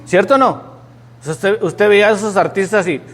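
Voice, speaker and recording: A man's voice: sits high, a little fast, long reverb tail. A man preaching a sermon, telling stories and asking the congregation questions with rising emphasis. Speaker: pastor.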